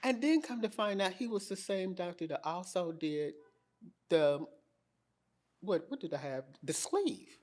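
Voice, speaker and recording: Animated woman telling her story. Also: lowish voice, measured pace. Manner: lively, animated, quoting herself with emphasis. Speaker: interview guest. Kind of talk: candid storytelling.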